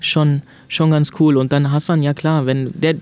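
A man's voice: on the high side, level tone, normal speed, darkish tone, slight background noise. A young man, a comedian guest, telling stories in casual chat, laughing often and acting out his friends' lines.

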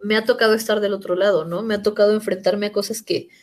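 A woman's voice: medium pitch, fast talker. A woman in her thirties with a Mexican accent, chatting casually and telling personal stories, acting out what others said. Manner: animated storyteller acting out quoted voices. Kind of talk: casual chat.

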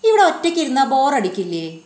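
An excitable little girl from a storybook exclaims in a high, bouncing voice, as a woman puts her on. The room adds a noticeable echo. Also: a little fast. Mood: amazed. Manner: wide-eyed, exclaiming. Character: curious excitable young girl. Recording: roomy echo.

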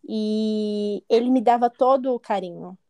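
A woman's voice: medium pitch, measured pace, warm tone, clear, resonant tone. A woman in her twenties candidly telling a personal story in an interview, often acting out what others said. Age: 20s. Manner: candid, acts out quoted voices. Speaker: interview guest.

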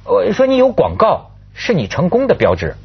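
A man hosting a casual panel chat in a rambling, animated way, repeating phrases and throwing out rhetorical questions. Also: high voice, normal speed, gravelly, highs cut off. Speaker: talk show host.

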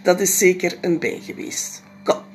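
A woman doing a calm, reassuring storybook dad. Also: lowish voice, normal speed, slight background noise, natural voice. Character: reassuring father. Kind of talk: storybook read-aloud.

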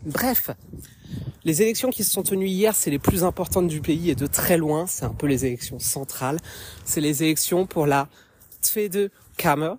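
A man's voice: a little high, normal speed, noisy background. A man from France giving casual spoken commentary while walking outdoors in a small wood, hesitating often with filler sounds, recorded as a phone voice message. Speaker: podcast contributor.

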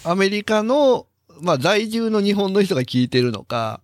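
A man's voice: high-pitched, sing-song, normal speed, dry recording, clean studio sound. A man with a Kansai accent co-hosting a podcast, chatting casually and backing the other speaker up with frequent nods. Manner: chatty, frequent backchannels, laughs easily. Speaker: podcast co-host.

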